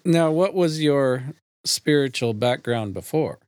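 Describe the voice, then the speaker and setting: A man hosting a podcast, introducing the show and asking a guest measured questions. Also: medium pitch, expressive, darkish tone. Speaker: podcast host and interviewer. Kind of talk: podcast interview.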